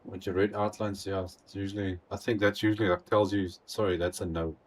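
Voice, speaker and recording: A man thinking aloud as he streams a building game, rambling with halting restarts. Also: low voice, flat delivery. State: out of breath. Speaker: gaming live streamer. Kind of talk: casual live-stream commentary.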